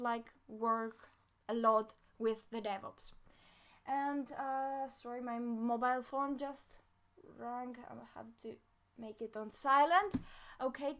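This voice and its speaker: A woman's voice: sits high, sharp tone. A young woman from Greece hosting a casual live-stream Q&A on coding, chatting with lots of fillers and reading viewer comments aloud. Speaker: live Q&A host, front-end developer.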